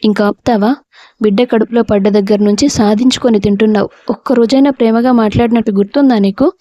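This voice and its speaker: A woman's voice: on the high side, steady tone, fast talker, mellow, dry recording, lo-fi sound, lightly acted. A woman voicing a hurt young wife and mother who speaks reproachfully. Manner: tearful, reproachful.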